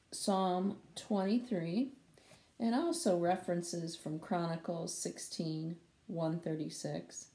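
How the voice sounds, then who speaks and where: An older woman in her sixties reads a children's Bible lesson in a slow, measured way, fixing small slips as she goes. Her voice is low with a gravelly edge. The sound is echoey, as from a bare room at home on a laptop camera. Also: mellow. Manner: slow, careful reading with small slips corrected. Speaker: children's Sunday school teacher. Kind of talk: reading a Bible lesson aloud. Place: small room at home, wooden door behind. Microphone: webcam or laptop camera at close range.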